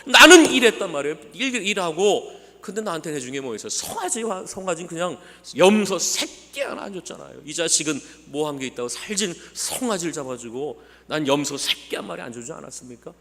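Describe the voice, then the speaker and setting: A man's voice: medium pitch, lively intonation, brisk, lightly acted. A man voicing an angry young older brother who complains that he worked while his brother wasted everything. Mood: furious shouting. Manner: shouting, indignant complaints. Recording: long church hall reverb.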